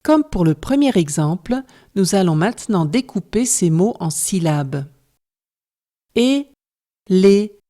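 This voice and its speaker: A woman's voice: on the low side, expressive, moderate pace, few pauses, mellow. A woman narrating a scripted lesson as a French teacher, explaining step by step in a careful manner.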